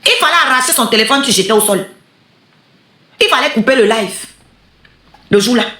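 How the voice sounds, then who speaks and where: A woman's voice: a little high, fairly quick, echoey room, background noise. A woman host, commenting on a replayed live and plugging products, crying out often. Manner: exclamatory, animated, cries out often. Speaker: show host.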